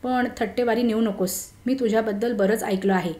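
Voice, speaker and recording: Woman reader playing an earnest young college friend, grave and sincere, fairly high voice, echoey room. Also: normal speed, a little mellow, close to an everyday voice. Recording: roomy echo.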